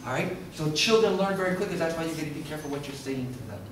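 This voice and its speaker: A man's voice: fairly high pitch, racing, crowd noise. A middle-aged man presenting a workshop to a live audience, asking questions and talking in an interactive way. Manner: interactive, asks the room questions. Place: classroom or lecture room. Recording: echoey room from far off, faint noise.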